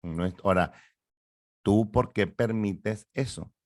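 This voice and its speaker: A middle-aged man speaks in a lowish voice, lecturing with lively rhetorical questions. The sound is close and dry, with no room echo. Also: slow pace. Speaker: psychologist guest. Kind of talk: explanatory interview talk.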